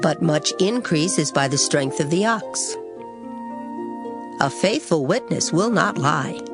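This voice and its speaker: A woman giving a solemn, measured dramatized reading of scripture. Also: low-pitched, animated. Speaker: scripture reader. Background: music.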